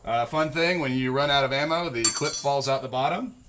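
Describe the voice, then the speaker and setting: Heavy background noise surrounds a video host at an outdoor shooting range as he jokes through a casual demonstration, laid-back and full of ums. He speaks fairly quickly in a mid-range voice.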